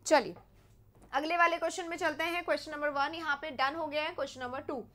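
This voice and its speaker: A young woman with an Indian English accent teaching English grammar in a live online class, mixing Hindi and English and reading example sentences slowly. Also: high voice, steady tone, a bit bright. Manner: mixes Hindi and English, reads sentences slowly, quizzes viewers. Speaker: English teacher for competitive exams.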